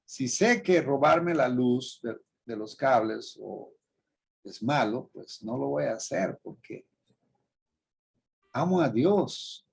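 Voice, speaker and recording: Earnest gravelly preacher. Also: male voice, medium pitch, lively intonation, slow pace. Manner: earnest, storytelling, emphatic on moral points. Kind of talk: preaching talk with personal stories.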